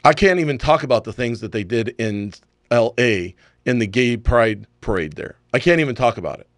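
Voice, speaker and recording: A man's voice: medium pitch, expressive, brisk, dry recording, studio quality. A man hosting a talk radio show, ranting emphatically and firing off rhetorical questions. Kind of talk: opinionated talk radio chat.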